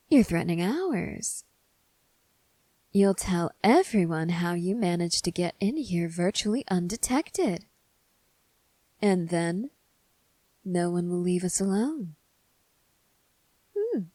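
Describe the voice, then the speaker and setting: Woman acting a slow, sardonic criminal woman. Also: mid-range voice, a little mellow, no room sound. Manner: sardonic, teasing, unhurried. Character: cynical, taunting woman gang member, threatening and sardonic. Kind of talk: ASMR role-play.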